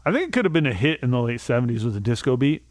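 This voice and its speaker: A young man streams a game, rambling, poking fun at himself and now and then bursting into silly made-up songs. Into his desk mic he talks rapid-fire at medium pitch with big swings, on a dry recording.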